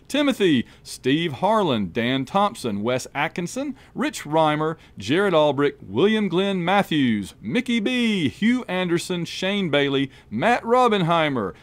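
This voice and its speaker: A man hosting a sports podcast, briskly reading out a long list of patron thanks. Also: fairly high pitch, no echo. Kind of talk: scripted read of patron names.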